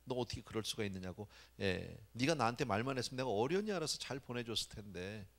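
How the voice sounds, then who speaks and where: A man's voice: mid-range voice, lively intonation, fast talker, fairly bright tone. A man voicing an angry older man who scolds his son-in-law with accusing questions. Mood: indignant scolding. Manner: indignant, accusing rhetorical questions.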